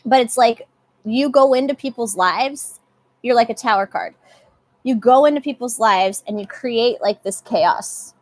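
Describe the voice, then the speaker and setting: A woman's voice: fairly high pitch, a little slow, a little mellow, no room sound. A young woman giving a casual live tarot reading, chatty and often repeating herself. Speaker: tarot reader.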